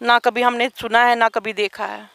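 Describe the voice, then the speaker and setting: A woman's voice: a little high, flat delivery, normal speed, gravelly, a bit bright. A woman giving an urgent, aggrieved account as an interviewee, speaking outdoors. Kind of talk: emotional testimony.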